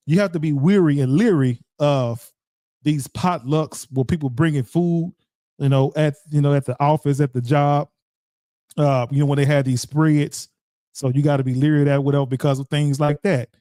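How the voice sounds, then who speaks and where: A man's voice: on the high side, fairly even intonation, normal speed, dark tone, no echo, clean studio sound. A man hosting a radio show, rambling casually and talking straight to his listeners with lots of repeats. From Dallas-Fort Worth area, Texas. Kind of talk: casual solo commentary.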